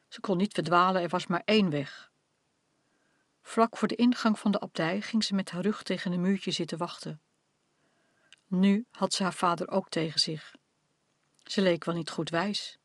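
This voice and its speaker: An audiobook narrator reading a novel in a measured storytelling manner. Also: medium pitch, no room sound. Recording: dry close studio sound.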